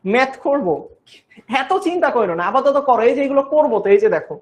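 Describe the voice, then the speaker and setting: A woman's voice: high voice, expressive, fast. Patient woman teaching chemistry. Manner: patient, repeats each step, coaxes students with "baba". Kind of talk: online class lecture.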